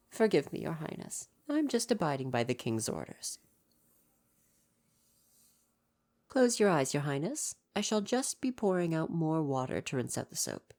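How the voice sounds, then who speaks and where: A man takes on the role of a devoted, proper royal butler in ASMR roleplay, speaking to the listener formally, deferentially, and with fussy attentiveness. He has a slightly high voice and a darkish tone.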